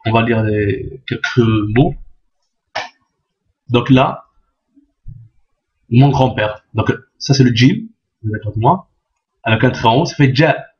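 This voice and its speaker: A man's voice: mid-range voice, unhurried, long pauses. A man teaching an Arabic reading lesson, patient and repetitive, checking often that the learners follow. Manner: patient, repeats each point, checks with "d'accord?". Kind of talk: step-by-step language lesson. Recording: dull lo-fi sound.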